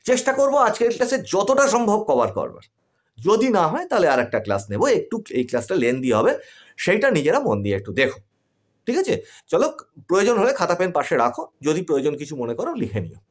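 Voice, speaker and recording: A man's voice: high-pitched, big pitch swings, fast talker, dry recording, studio quality. A man whose first language is Bengali, teaching English in an online class and explaining step by step. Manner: explains step by step, checks in with "right?".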